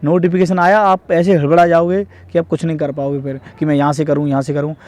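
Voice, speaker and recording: This young man from northern India vlogs exam-prep advice in a casual way, his voice a little high, flat, fast and darkish in tone. He explains things repetitively, often tacking on tag questions to check that viewers follow and agree.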